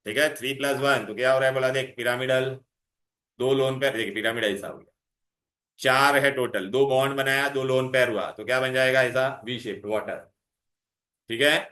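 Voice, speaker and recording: Male chemistry tutor, mid-pitch, quizzing pupils nonstop; roomy echo, bits. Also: fairly even intonation, normal speed, bright, forceful tone. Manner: coaxing, calls students "beta", quizzes them constantly. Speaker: chemistry teacher. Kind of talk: revision lecture to students. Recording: echoey room.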